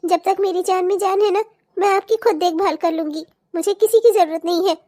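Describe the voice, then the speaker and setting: A woman's voice: very high voice, fairly even intonation, fairly quick, dark tone. A woman voicing a frail old mother-in-law with aching legs who keeps calling out and pleading. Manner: pleading, calls out repeatedly. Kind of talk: cartoon voice acting.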